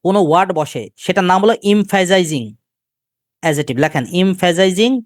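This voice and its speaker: A male teacher with a Bangladeshi Bengali accent gives a live grammar lecture. He keeps asking the class questions and repeats key terms slowly. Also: sits high, no room sound, clean studio sound.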